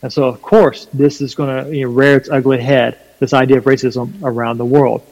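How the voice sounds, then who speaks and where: A man with a Southern US accent and a slight twang, explaining his faith emphatically and deliberately in a preaching style during a conversation. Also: mid-range voice, little pitch movement, a little mellow, dull audio. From North Carolina, USA. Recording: long hall reverb.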